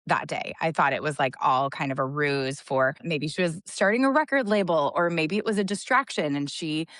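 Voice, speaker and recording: A woman telling a story in a casual podcast chat, fired up and rushing through long run-on sentences. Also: low-pitched, a bit bright, no echo, studio quality. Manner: impassioned, rapid run-on storytelling.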